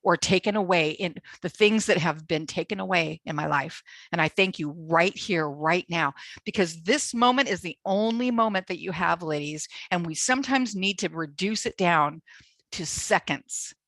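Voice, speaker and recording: A woman's voice: lowish voice, normal speed, fairly bright tone, no room sound. A woman co-hosting a Bible teaching, exhorting listeners directly with rousing, repetitive phrases. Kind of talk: preaching-style exhortation.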